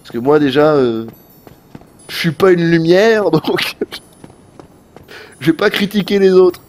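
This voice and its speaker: A man streams a video game live, talking straight to his chat in an animated way and swearing casually. His voice is on the high side and his pace measured during this live gameplay commentary.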